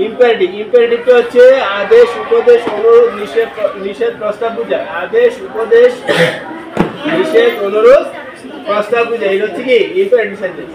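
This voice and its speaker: A man's voice: very high-pitched, fairly even intonation, brisk, highs cut off, crowd noise. A male teacher leading a classroom lesson, questioning the class and spelling words letter by letter. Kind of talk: classroom lecture with call-and-response. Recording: echoey classroom from a distance.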